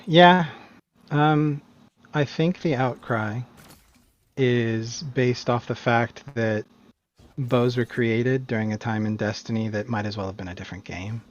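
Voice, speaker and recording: A man's voice: mid-range voice, a little slow, dull audio. A man answering interview questions in a casual, emphatic way, often restarting his sentences. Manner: animated, emphatic opinions with frequent restarts. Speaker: guest, competitive game player.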